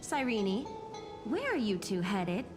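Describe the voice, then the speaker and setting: Earnest village schoolteacher, mid pitch. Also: female voice, very animated, slow, over music. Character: small female village schoolteacher, earnest and caring. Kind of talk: game voice acting.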